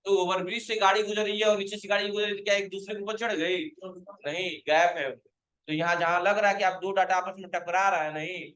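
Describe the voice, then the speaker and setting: A man's voice: sits high, little pitch movement, fast, fairly bright tone, reverberant, poor audio. A male computer teacher giving a classroom lecture, quizzing his students, calling them to stand and scolding those who have not understood.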